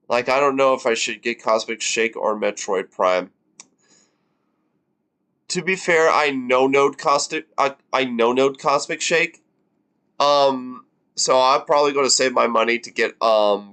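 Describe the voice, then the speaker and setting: This twenty-something man speaks with a medium-pitched voice that's sharp yet smooth. He's reacting casually on a live stream, rambling with many fillers and the odd curse.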